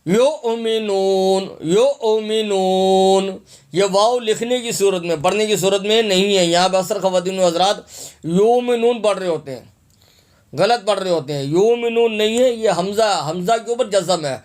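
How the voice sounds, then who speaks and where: High-voiced man teaching Quran recitation. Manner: spells out letters and vowels, then repeats words slowly; asks and answers his own questions. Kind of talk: tajweed lesson with slow drawn-out recitation.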